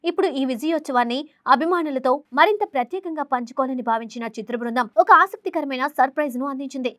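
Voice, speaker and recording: High, brisk woman reading film news. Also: a bit bright, dry recording, clean studio sound. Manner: formal reading delivery. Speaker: entertainment news narrator. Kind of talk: scripted film news narration.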